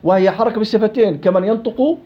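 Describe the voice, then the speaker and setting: A man's voice: sits high, fast. A man teaching tajweed rules to a class, quizzing students and drilling examples aloud. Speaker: Quran recitation teacher. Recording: dull lo-fi classroom recording.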